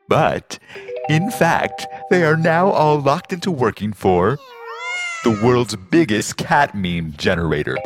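An actor playing a gloating male villain colonel in a retro radio-serial parody, with theatrical cackling delivery. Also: on the low side. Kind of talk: old-time radio serial acting. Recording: music playing behind.

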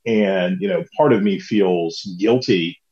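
A man's voice: sits low, unhurried, warm tone. Man with a tinny, tin-can sound. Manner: chatty, breaks off with fillers and restarts. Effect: sounds like talking inside a tin can. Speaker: podcast co-host. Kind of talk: casual chat. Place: at home. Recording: dull lo-fi remote line, tinny.

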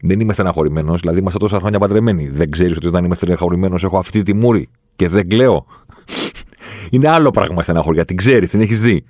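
Deep-voiced man giving an emphatic monologue. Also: darkish tone, no echo, clean studio sound. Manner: emphatic, reflective, repeats phrases for emphasis. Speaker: podcast host. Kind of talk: solo opinion monologue.

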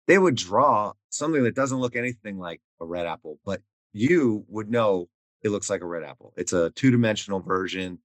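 A man's voice: on the low side, fairly bright tone, dry recording. A man as a podcast guest, explaining ideas step by step through everyday examples in casual conversation. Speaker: guest expert.

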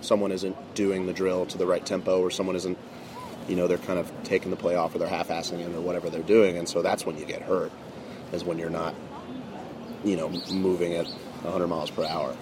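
Deep-voiced young man, chatty, outdoors. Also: flat delivery, fairly quick, noisy background. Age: 20s. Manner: loose and chatty, full of fillers. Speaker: college football player. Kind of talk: casual interview talk. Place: outdoors at a campus table.

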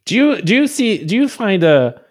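High-pitched and swinging widely in pitch, this man from Poland speaks at a moderate pace while hosting a podcast. His conversational interview style is enthusiastic and rambling, full of restarts.

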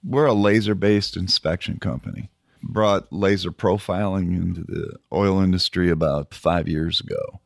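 A man's voice: low-pitched, normal speed, gravelly, dry recording, studio quality. A man speaking as a company founder and podcast guest, giving conversational interview answers.

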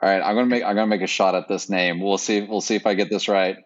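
A low-voiced man chatting on a movie podcast, teasing his co-hosts and laughing easily. The recording is dull and lo-fi. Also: level tone, fast. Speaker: podcast co-host. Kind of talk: casual movie-list chat.

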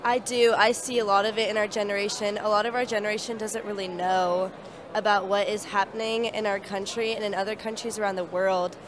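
A woman's voice: mid-range voice, level tone, fairly quick, background noise. A young woman from California giving earnest, casual interview answers in long run-on sentences.

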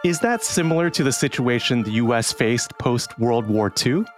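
A man's voice: mid-range voice, animated, moderate pace. A man hosting a podcast, delivering scripted narration with music behind him. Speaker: podcast host. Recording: prominent music bed behind voice.

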